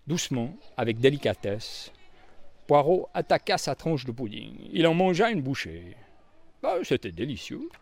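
Expressive man reading a story aloud. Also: a little high, gravelly, dry recording. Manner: expressive, varied read-aloud. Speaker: narrator.

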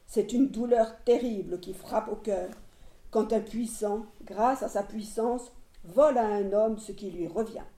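A woman reading the lines of a proud, wrathful male warrior hero, in a grave, measured way. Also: medium pitch, dark tone, lightly acted. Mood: stern. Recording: roomy echo.

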